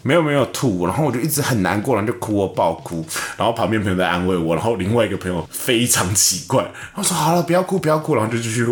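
A man with a Taiwanese Mandarin accent, co-hosting a casual podcast chat and telling animated stories. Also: fast talker, few pauses. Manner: animated storytelling, acts out quotes in a high voice. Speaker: podcast co-host. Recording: echoey room with faint music.

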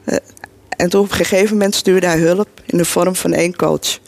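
Woman, middle-aged, low gravelly voice, flat delivery, earnest storytelling. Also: fairly quick, dry recording. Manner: earnest, emotional, blunt. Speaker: mother telling her life story. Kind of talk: personal storytelling before an audience.

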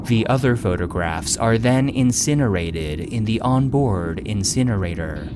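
In scripted narration, a man voices an impersonal facility database, reading classified incident logs in a formal, clinical manner. His voice is fairly low-pitched and animated, a little slow, with heavy background noise behind it.

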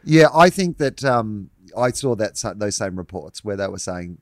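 Aussie bloke, lowish voice, chatty and sweary, dry close sound. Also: male voice, moderate pace, no echo. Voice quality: animated, swears freely, laughs often. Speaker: podcast co-host. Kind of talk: casual comedy chat.

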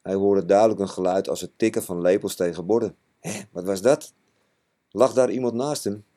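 Man reading a storybook in a low mellow voice. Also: normal speed. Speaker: narrator.

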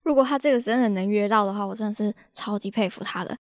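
A young Taiwanese woman with a Taiwanese Mandarin accent hosts a podcast, speaking fast at a medium pitch. The studio sound is clean with no room sound, and her storytelling is chatty and exasperated, often laughing at her own tales.

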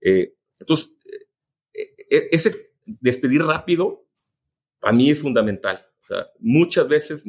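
A man's voice: mid-range voice, animated, slow pace, pauses often, slightly rough. A man with a Mexican Spanish accent, a business executive telling workplace anecdotes in a casual interview. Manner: anecdotal, many restarts and asides.

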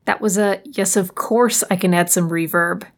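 A woman working as a podcast producer who answers with dry, deadpan retorts. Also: lowish voice, moderate pace. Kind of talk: comic scripted podcast.

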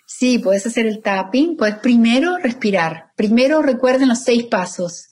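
A woman therapist, calmly explaining fear and anxiety and leading a slow, soothing breathing exercise. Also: on the high side. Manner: calm, soothing, slowing down for guided phrases. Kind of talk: guiding a breathing exercise in an interview.

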